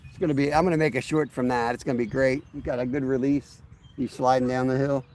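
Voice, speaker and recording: Speaking quickly at a medium pitch, this man sounds a little mellow and keeps his intonation fairly even. He runs a fishing channel and is chatting casually by a river, talking easily and straight to his viewers.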